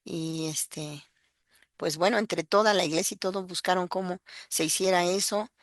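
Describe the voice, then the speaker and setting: A woman's voice: fairly low pitch, steady tone, normal speed, dry recording, studio quality. A woman with a Mexican accent giving an emotional personal testimony, earnest and full of fillers as she tells her story. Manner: earnest, breaks into acted quotes, many fillers.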